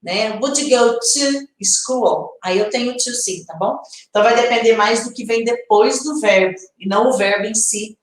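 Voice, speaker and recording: A Brazilian woman teaching English in a live online lesson, explaining slowly and checking in with her viewers. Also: a little high, very echoey, recorded from a distance, poor audio. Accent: Brazilian Portuguese.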